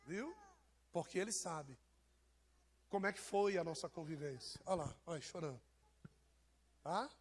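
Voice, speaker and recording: A man's voice: fairly high pitch, normal speed, long pauses, slightly rough. A man with a Brazilian accent, preaching an informal sermon and joking with members of his congregation. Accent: Brazilian Portuguese. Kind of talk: informal sermon to a live church.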